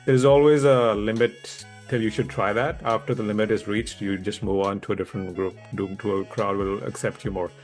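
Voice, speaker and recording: As a guest on a conversational interview, a public speaking coach from India whose first language is Hindi speaks in a lowish, even voice. He talks a bit quickly with hardly any pauses, laughs easily, and sounds open and thoughtful, with soft music playing in the background.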